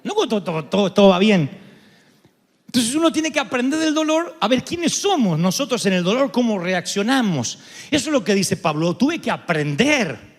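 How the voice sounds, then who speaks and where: High-voiced Argentine pastor in a reverberant hall. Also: male voice, moderate pace. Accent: Argentine Spanish. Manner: animated storytelling with sudden shouts and humor. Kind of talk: sermon. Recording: long reverb of a large hall.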